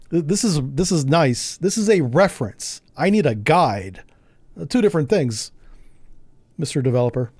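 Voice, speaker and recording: A man's voice: fairly high pitch, a little mellow, no echo. Chatty man streaming a naval sim, dry sound. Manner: chatty, jokey, laughs often, thinks aloud. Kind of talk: casual live gameplay commentary.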